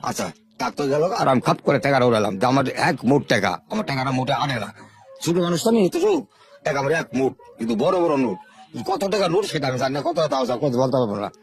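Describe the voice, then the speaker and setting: Speaking as a guest in an interview, a fast-talking older man from Sherpur, Bangladesh, recounts his life. His mid-range voice is very animated, and he tells it in an unhurried, rustic storytelling manner, repeating words.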